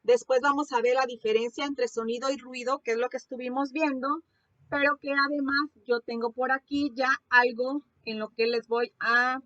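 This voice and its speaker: A woman teacher explains a music lesson to her students online, in a clearly high voice. She talks through her material step by step, restarting her phrases and filling her pauses. The recording is close and dry, with no room sound. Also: fairly even intonation, a bit bright, dry recording, lo-fi sound. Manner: explanatory, many fillers and restarts.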